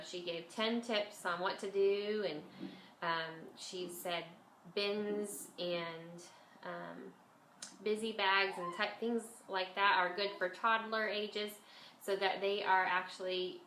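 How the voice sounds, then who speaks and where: A woman's voice: mid-range voice, sharp tone. Congested woman vlogger, nose-pinched nasal sound. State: has a bit of a cold. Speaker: homeschool vlogger and mother. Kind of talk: casual chat to camera. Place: at home, indoors. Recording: echoey room, faint background noise.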